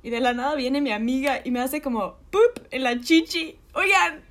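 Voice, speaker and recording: Woman podcast cohost, laughs a lot telling stories, slangy, kinda high voice. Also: normal speed. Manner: animated, laughing, full of slang and quoted asides. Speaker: podcast co-host. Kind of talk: casual storytelling chat.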